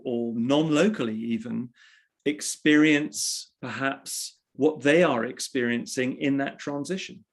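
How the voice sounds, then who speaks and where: A man, a journalist being interviewed, telling a personal story in a reflective way and often restarting his phrases. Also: mid-range voice. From England. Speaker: interview guest, journalist and author. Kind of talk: conversational storytelling.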